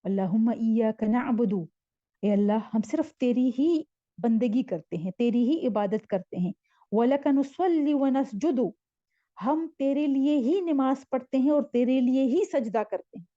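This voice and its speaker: A woman's voice: fairly high pitch, warm tone, dry recording, lo-fi sound. Patient woman teacher explaining a prayer. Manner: recites slowly, then explains meanings in a patient teaching tone. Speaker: Quran teacher. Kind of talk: religious lesson explaining a prayer line by line. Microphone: screen-shared online class.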